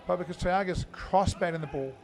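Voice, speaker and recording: A rather high-voiced man calling an indoor cricket match live. He talks in a loose, chatty way with plenty of fillers and sudden loud shout-outs to viewers. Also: a little fast. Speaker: cricket commentator. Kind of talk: live sports commentary.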